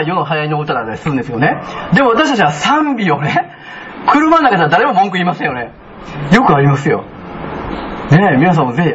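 A man pastor with a Kansai accent, preaching a sermon in a chatty, animated way, with many asides to the congregation. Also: a little high, dull audio. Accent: Kansai Japanese.

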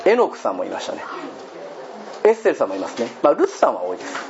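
A man's voice: medium pitch, huge pitch swings, fast, gravelly. A man preaching a sermon as pastor, chatty and joking, often turning to the congregation with questions. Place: church hall. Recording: dull lo-fi recording with faint hiss.

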